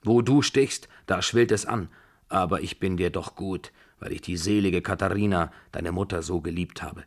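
A man voicing an imperious, quick-tempered old grandmother in a radio drama reading, scolding and giving orders. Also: low voice. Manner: scolding, commanding, abrupt.

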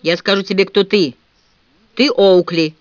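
A man's voice: sits high, fairly even intonation, unhurried, dry recording, dull audio. A man voicing a rude, brawling young boxer who talks in a coarse, taunting way. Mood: sneering.

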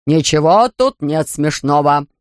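A reader voicing a stern, pompous older male judge who speaks slowly and gruffly. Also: mid-range voice, expressive, dry recording, clean studio sound, lightly acted. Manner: slow, gruff, barking.

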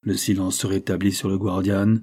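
A man narrating an audiobook of a classic novel in a measured, dramatic way. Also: sits low, little pitch movement, dark tone, slightly rough.

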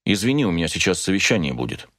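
A man's voice: low-pitched, big pitch swings, very fast, a bit bright. A man reading the lines of a busy official father who speaks in short, clipped phrases. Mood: curt.

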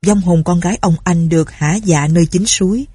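A woman's voice: on the low side, fairly quick, warm tone, dry recording, clean studio sound. A woman voicing a bossy, scheming old ex-pirate chief who barks out orders. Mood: commanding. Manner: bossy, gruff commands.

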